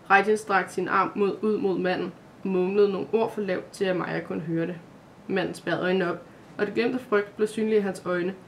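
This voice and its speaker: Storybook reader telling a dramatic kids' fantasy tale, middle pitch, faint noise behind. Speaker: reader of a children's Christmas calendar story. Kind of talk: scripted storybook narration.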